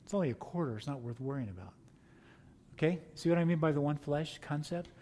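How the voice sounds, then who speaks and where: Middle-aged pastor, male, mellow and slightly high, folksy storyteller with a chuckle in him. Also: animated, fast, slight background noise. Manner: folksy anecdotal storytelling with laughs. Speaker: pastor and seminary teacher. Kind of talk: storytelling interview answer.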